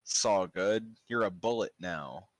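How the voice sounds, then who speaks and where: Brief: tabletop player, playful and joking, lowish voice, dry close mic. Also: male voice, unhurried, no echo. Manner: playful, describing wild actions. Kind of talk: casual tabletop play.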